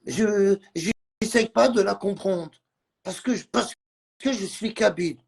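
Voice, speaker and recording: Heated guy ranting on his live, keeps repeating himself, raspy gravelly voice, bit high. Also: a little slow, darkish tone. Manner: agitated, repetitive, mixes French with Arabic and Kabyle. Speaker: livestreamer. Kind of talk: heated live-stream rant.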